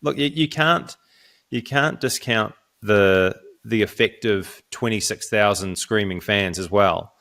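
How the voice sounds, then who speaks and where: A man, co-hosting a casual sports podcast, talking in halting runs with frequent restarts. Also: fairly low pitch, gravelly, a bit bright. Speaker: podcast co-host.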